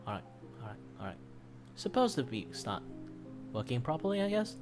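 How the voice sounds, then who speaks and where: Speaking at a moderate pace in a very animated mid-range voice, a male streamer who does commission art chats loosely on his livestream. He rambles and makes fun of himself, and his voice is starting to fail; music plays beneath him.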